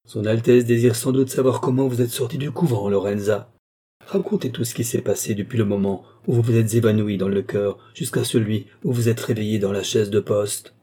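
Male narrator as a phlegmatic count who commands, husky, dark tone. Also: on the low side, steady tone, brisk. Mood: cool commanding. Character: cool, domineering male count, mesmerist. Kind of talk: audiobook character reading.

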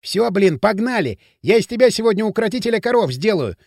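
A man's voice: high-pitched, sing-song, fairly quick, gravelly, darkish tone, no echo, studio quality, exaggerated voice. Man voicing a brash, bossy teenage street lad. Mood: excited. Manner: brash, mocking, pushy slang. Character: cocky bossy teenage boy from town outskirts. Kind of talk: audiobook character voice.

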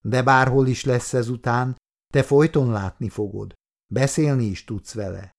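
Narrator doing a soft-spoken old grandpa type, kind and tired, audiobook. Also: male voice, medium pitch, fairly even intonation, vocal fry, natural voice. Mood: gentle. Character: gentle old man in a wheelchair, kind, weary.

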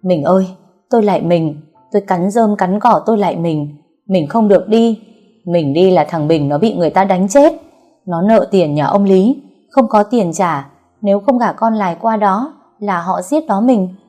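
A woman's voice: medium pitch, expressive, moderate pace, mellow, faint music behind, natural voice. A woman voicing an older mother who pleads tearfully with her husband. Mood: pleading. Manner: pleading, wheedling.

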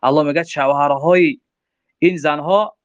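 A man's voice: a little high, steady tone, no room sound. A man gives a religious law lecture, reading Arabic lines and explaining them with rhetorical questions. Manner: reads Arabic text aloud, then explains with rhetorical questions. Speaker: religious teacher. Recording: dull, lo-fi dry recording.

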